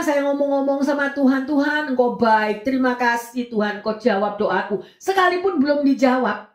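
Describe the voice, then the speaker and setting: A woman pastor giving a sermon in a lively way, often switching her pitch up and down as she acts out voices. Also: echoey room. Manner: lively, swings between high and low pitch, acts out children and prayers.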